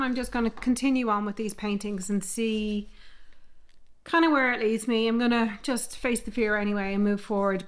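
Candid woman in her fifties, higher voice. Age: 50s. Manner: candid, reflective, meandering. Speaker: artist vlogger. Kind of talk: casual vlog chat. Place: home art studio. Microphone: microphone she moves away from and back to.

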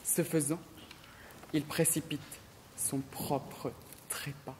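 A young man acts a menacing sea god in a stage tragedy. The voice is high for a male and solemnly declamatory. A theater hall rings around it. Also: level tone, slow pace, background noise. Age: young adult.

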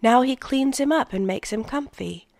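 A woman voicing an earnest, curious boy who talks in a hushed, eager way. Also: high-pitched, moderate pace, gravelly, no echo, pitched above the performer's own voice.

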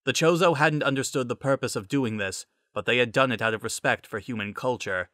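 A man narrating a story as a scripted dramatic reading, in a measured, solemn storytelling manner. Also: medium pitch, pushed and bright, no room sound, studio quality.

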